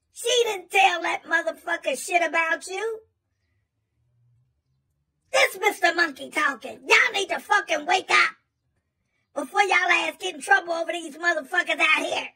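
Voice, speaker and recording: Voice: very high-pitched, normal speed, long pauses, sharp tone, far from the mic, full character voice. A performer voicing a profane male monkey who preaches blunt advice in a comic rant. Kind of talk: comedic monologue.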